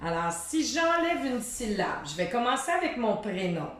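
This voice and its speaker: A woman's voice: fairly high pitch, sing-song, a little hiss or hum. A woman teaching a syllable game to young children from her living room. She speaks straight to the child and draws out each syllable. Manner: talks directly to a child, drawing out syllables slowly. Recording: roomy echo of a home room.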